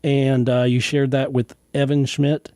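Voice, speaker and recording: A man hosting a radio interview, asking questions in a halting, friendly way with many fillers. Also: medium pitch, flat delivery, warm tone, clean tone, no echo, studio quality. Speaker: interview host.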